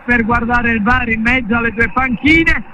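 A man's voice: extremely high pitch, normal speed. A man giving emphatic live football punditry, repeating phrases as he argues his point. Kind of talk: live match discussion. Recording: loud noise behind the voice.

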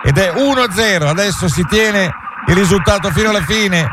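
A man works as second voice on a live football radio commentary, summing up the play. His pitch sits a little high. Heavy stadium noise fills the broadcast behind him. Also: a little fast. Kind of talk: live goal recap commentary.

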